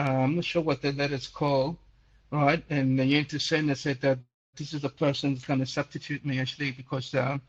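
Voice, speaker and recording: Answering listeners' questions on a relaxed call-in show, this man from Chile in his sixties rambles, repeats words, and leans on fillers, mentioning he is nearly deaf. The sound is lo-fi, and his mid-range voice is fairly bright.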